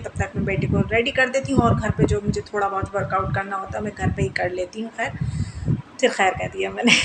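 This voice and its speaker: A woman in her thirties talks through her household routine as a vlog voice-over, chatty and quick to laugh at herself. Her voice sits a little high. A steady noisy hiss runs under the recording. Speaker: vlogger, mother. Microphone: voice-over mic.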